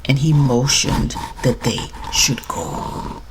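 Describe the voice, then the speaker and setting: A woman narrating a storybook trickster tale with dramatic, deliberate emphasis. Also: extremely low pitch, expressive, background noise.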